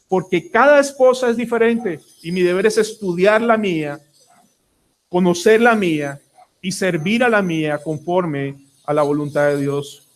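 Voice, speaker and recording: A man with a Colombian accent preaching a sermon to his congregation, earnest and asking them question after question. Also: high voice. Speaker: pastor.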